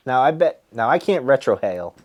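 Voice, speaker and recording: A man's voice: medium pitch, very animated, brisk, a little mellow. A man with a mid-range voice talks casually as a reviewer on his own video. He rambles and muses, often hesitating as he works out his opinion aloud. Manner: musing, hesitant, thinking aloud. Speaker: pipe tobacco reviewer hosting a video.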